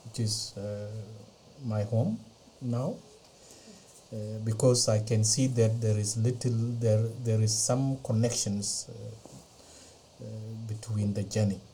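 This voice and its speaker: Middle-aged Ethiopian-born man, non-native English speaker, measured testimony with frequent fillers, warm dark voice, slight hiss behind. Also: on the low side, fairly even intonation, rough recording. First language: not English. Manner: hesitant, many pauses and fillers. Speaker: interview guest. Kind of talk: slow personal testimony. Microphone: podcast interview mic.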